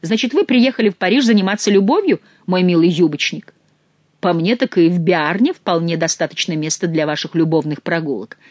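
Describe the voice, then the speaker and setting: A reader voicing a gruff, ever-grumbling male soldier who scolds bluntly and swears oaths. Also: mid-range voice, sing-song, a little fast, dry recording. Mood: scolding.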